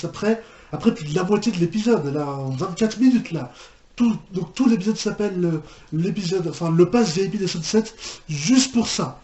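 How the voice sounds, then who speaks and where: This man hosts reaction videos, speaking in a high voice with a darkish tone. His casual remarks are hesitant and repetitive, full of disbelieving exclamations, and the recording has an echoey room sound and faint noise.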